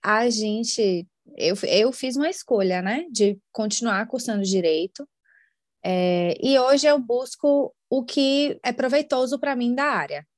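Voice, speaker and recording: A woman's voice: a little high, a little slow, no room sound, studio quality. A woman, a guest chatting in a podcast interview and using many fillers. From Brazil. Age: 20s. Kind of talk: casual interview chat.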